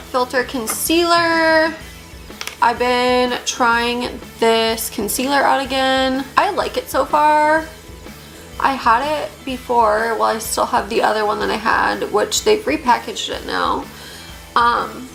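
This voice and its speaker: Young woman, beauty vlogger, chatty and rambling, slightly high voice with vocal fry, soft music under. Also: poor audio. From Upper Peninsula, Michigan. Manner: chatty, many "like" fillers; slight lisp at times. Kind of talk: casual get-ready-with-me chat.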